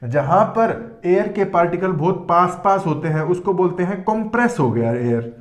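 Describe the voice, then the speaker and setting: A man's voice: sits high, animated, moderate pace. A man teaching a board lesson who asks questions and answers them himself, often saying "theek hai". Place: classroom with board. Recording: echoey room.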